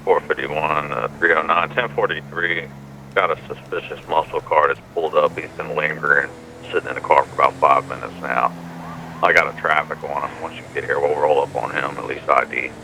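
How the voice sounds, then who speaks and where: Very deep man over a police radio. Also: fairly even intonation, fairly quick, background noise. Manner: terse radio codes. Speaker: police officer in a roleplay.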